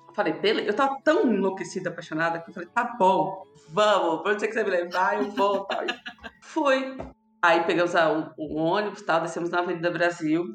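A young woman from São Paulo with a São Paulo accent tells a personal story in an animated, emotional way, trailing off with fillers. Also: medium pitch. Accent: São Paulo Portuguese. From São Paulo, Brazil. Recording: roomy echo, faint background music.

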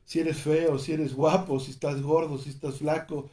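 A man's voice: on the high side, little pitch movement, normal speed, dark tone. Mexican man hosting a casual chat. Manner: conversational, prompts with questions and drops joking quips. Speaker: host.

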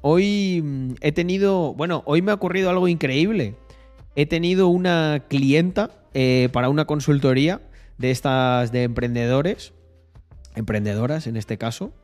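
A man's voice: on the high side, moderate pace, darkish tone, soft background music. A young man with a Spain Spanish accent chatting casually on a live stream, joking and laughing at himself. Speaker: streamer and podcast host.

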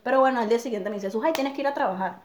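A woman's voice: a little high, rapid-fire, reverberant. A woman, tipsy from wine, chatting bluntly and swearing as she lectures. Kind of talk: casual chat.

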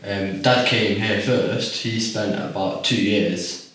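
A man in his twenties, from Iraq, answering interview questions in a measured, reflective way with frequent pauses. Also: lowish voice, steady tone, fairly bright tone. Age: 20s. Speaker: podcast guest. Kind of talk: casual interview. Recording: echoey room, far from the mic.

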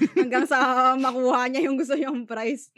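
Casual Filipino woman host, higher voice, lively chatty storyteller, dry close sound. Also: a little slow, no room sound. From Philippines. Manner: animated, chatty storytelling with frequent fillers. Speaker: podcast co-host. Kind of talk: casual chat.

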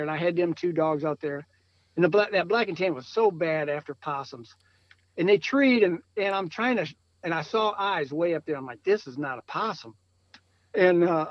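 High-voiced hunter guy rambling about old lights, laughs a lot, muffled dry recording. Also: dry recording. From Michigan. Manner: rambling, repeats words, laughs often. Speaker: podcast guest, coon hunter. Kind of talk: casual chat.

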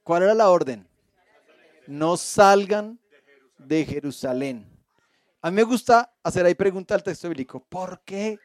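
A high male voice at normal speed, recorded with no room sound. He teaches a Bible study class, reading the passage aloud, pausing to explain it, and frequently questioning his listeners, with playful asides.

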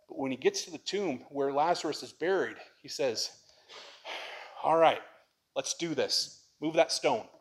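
Man preaching a conversational sermon. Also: a little high. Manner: conversational preaching, swings to loud impassioned lines. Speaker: pastor.

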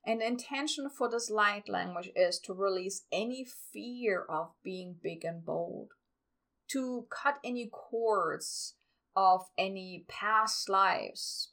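A woman guiding a meditation in a calm, soothing, meditative manner, as a spiritual podcast host. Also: mid-range voice, vocal fry. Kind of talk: guided meditation.

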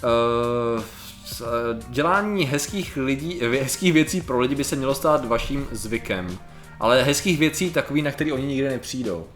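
A man's voice: mid-range voice, lively intonation, a bit bright, reverberant, faint music behind. A young man co-hosting a casual chat, reading out points and reflecting on them. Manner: reflective, reads out points, laughs often. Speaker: podcast co-host.

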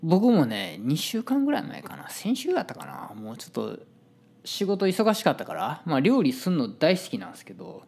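A man's voice: fairly high pitch, wildly swooping pitch, brisk, creaky, a little mellow, husky. A man with a Kansai Japanese accent telling a story in a casual, chatty monologue and acting out the voices of people he quotes.

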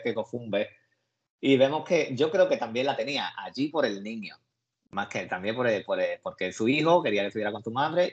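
A man with a Spain Spanish accent chatting casually as a podcast co-host, rambling through scenes in colloquial slang. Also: fairly low pitch. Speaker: podcast co-host discussing a series. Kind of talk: casual chat. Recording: muffled lo-fi recording.

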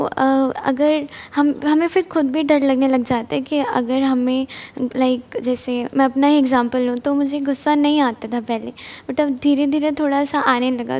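A young woman with a high voice asks a speaker questions from the audience. She is polite and hesitant, fills her sentences with pauses, and addresses him as sir. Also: darkish tone. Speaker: audience member asking questions. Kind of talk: live Q&A.

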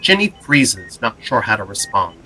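Bright, animated male drama narrator. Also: lowish voice, normal speed, a little hiss or hum, poor audio. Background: background music.

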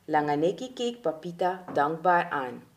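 A woman reading a children's story aloud in an expressive, dramatic way. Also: sits low, a little slow.

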